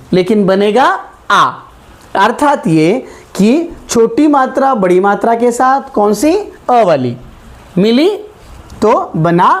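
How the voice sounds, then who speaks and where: Woman, grammar teacher, slow deliberate delivery, very animated pitch, drawn-out vowels, keeps asking if it's clear. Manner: slow, drawn-out vowels, frequent check-ins. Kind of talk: classroom lesson at a board.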